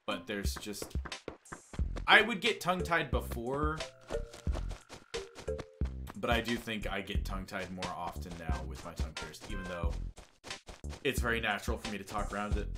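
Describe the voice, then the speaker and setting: Rambling young man over loud music. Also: lowish voice. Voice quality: talks around a tongue piercing. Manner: rambling, self-deprecating, trips over words. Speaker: game streamer. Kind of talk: casual chat while playing a game. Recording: music playing behind the voice.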